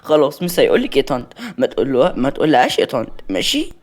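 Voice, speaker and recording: Brief: woman voicing motherly woman, Egyptian accent, gentle scolding, lively pitch, storybook. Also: fast, background noise. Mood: soothing. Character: calm, motherly middle-aged woman.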